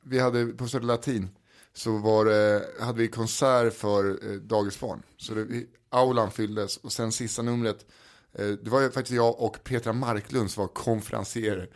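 A man's voice: fairly low pitch, steady tone, few pauses. A man co-hosting a casual podcast, a playful storyteller who teases his co-host. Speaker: podcast co-host and comedy club host. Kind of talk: casual chat.

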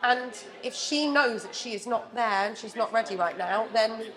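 Woman, podcast host, a touch higher voice, chatty and easygoing. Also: moderate pace, a crowd in the background. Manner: chatty, leads the talk with light laughter. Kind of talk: casual sports chat.

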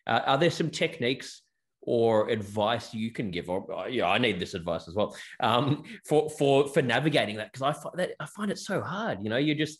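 Lower-voiced man, hesitant and rambling. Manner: rambling, hesitant, many restarts. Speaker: podcast host and actor. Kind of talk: casual interview.

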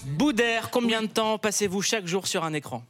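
A man hosting a talk show, asking brisk, playful questions. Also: high-pitched, animated, over loud music. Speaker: show host. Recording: loud crowd behind.

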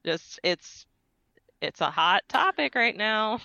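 Podcast guest, woman, earnest explainer, bright clean voice, dry lo-fi mic. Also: mid-range voice, sing-song, slow, creaky, no echo. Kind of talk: casual podcast discussion.

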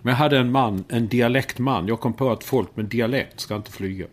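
A man co-hosting a podcast, telling anecdotes in a lively way and swearing freely in casual chat. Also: mid-range voice. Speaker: podcast co-host. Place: home in the United States.

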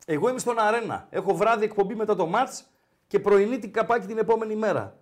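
A man hosting a casual sports podcast, telling stories in an animated, teasing way. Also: high voice.

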